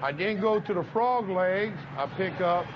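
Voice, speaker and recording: A man from Louisiana with a Southern drawl recounts events slowly and in careful order, his voice sitting quite high. He is recorded outdoors, and the sound is dull and lo-fi with faint traffic behind him. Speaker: interviewee. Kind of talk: storytelling in an interview. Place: outdoors by a roadside.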